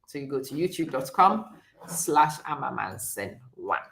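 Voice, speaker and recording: A middle-aged woman from Ghana hosts a relaxed live stream and talks straight to her viewers. Her voice sits low, and she speaks slowly and chattily, often breaking into laughter. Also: vocal fry. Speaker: host.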